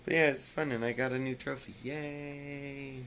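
A tired man chatting casually in a home vlog, rambling and sometimes dropping his voice very low. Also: fairly even intonation, quick pace, gravelly, fairly bright tone, slight background noise. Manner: rambling, drops voice very low at times. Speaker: vlogger. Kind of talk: casual chat.

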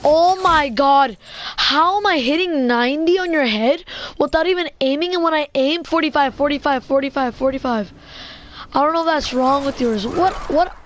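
Excitable high-voiced young woman gaming. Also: normal speed. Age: 20s. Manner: excitable, rambling, heavy on "like" fillers. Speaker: gamer streaming. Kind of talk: casual gameplay chatter.

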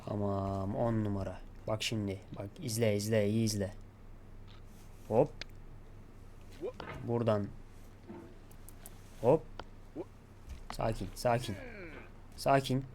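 A man giving gameplay commentary, talking to himself and coaxing himself to stay calm. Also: on the low side, takes it slowly, pauses often, a little hiss or hum. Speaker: gaming YouTuber.

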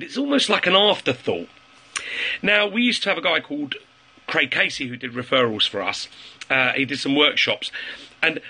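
A man's voice: a little high, sharp tone, breathy edge. A man giving casual sales tips on a phone livestream, chatting with viewers and repeating key phrases. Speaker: network marketing livestreamer.

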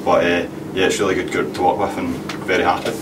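A man's voice: deep voice, monotone, fast talker. A young man in his twenties, a goalkeeper giving short, modest post-match interview answers. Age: 20s. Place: interview room with sponsor backdrop. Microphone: handheld interviewer mic, off to the side. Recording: distant mic, loud room hum.

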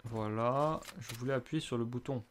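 A gamer talks through his own play live at a moderate pace, his pitch medium, with a little hiss or hum on the recording. He's laid-back and hesitant, swearing now and then and bursting into exclamations.

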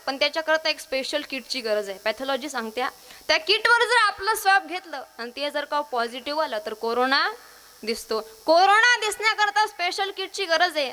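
With a high-pitched, bright, forceful voice, a female kirtankar preacher from Maharashtra, India, addresses a women's devotional gathering. She keeps the crowd engaged with questions and call-and-response, singing verses along the way.

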